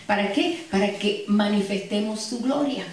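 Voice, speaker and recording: A woman's voice: medium pitch, moderate pace, darkish tone, a little hiss or hum. A woman preaching a sermon and telling stories to her congregation with frequent asides. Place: church hall. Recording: echoey hall, distant mic.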